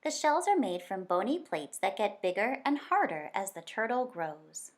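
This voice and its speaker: Here a woman takes on a teacher's role, reading a children's nonfiction picture book aloud. She uses a mid-range voice and an expressive, measured storytelling manner.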